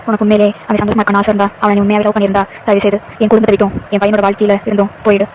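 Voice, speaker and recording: A woman's voice: medium pitch, monotone, racing, a little mellow, a little hiss or hum, natural voice. A woman voicing a bitter, scolding middle-aged mother-in-law who nags with reproachful questions. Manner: reproachful, nagging, hurled rhetorical questions.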